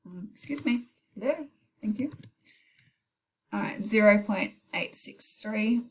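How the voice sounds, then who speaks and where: A woman's voice: mid-range voice, animated, takes it slowly, husky. Woman teacher talking through a maths tutorial. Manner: thinks aloud with self-corrections and brief apologies. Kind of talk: informal recorded maths tutorial, talking through calculator steps. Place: recorded while heavy rain pours outside.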